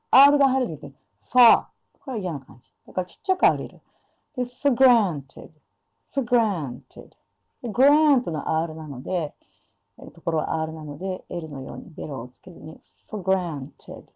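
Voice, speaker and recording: A woman teaching English pronunciation for singing, with relaxed explanations and slow spoken demonstrations of English words. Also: lowish voice, vocal fry, breathy edge. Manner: demonstrates English sounds slowly between explanations. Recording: dull lo-fi sound.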